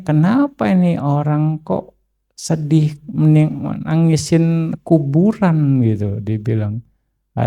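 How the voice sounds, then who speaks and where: Gravelly, dark-voiced male monk teaching. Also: on the high side. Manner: unhurried, conversational, frequent filler tags; acts out story dialogue with a raised voice. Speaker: Buddhist monk. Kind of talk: dharma talk answering a question.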